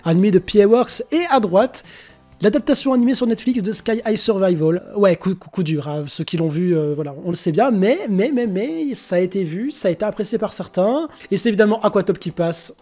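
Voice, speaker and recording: A young man hosting a live-streamed anime vote, casual and slangy, with bursts of excitement. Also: high voice, a little fast, soft background music. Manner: excitable, slangy, mixes English exclamations.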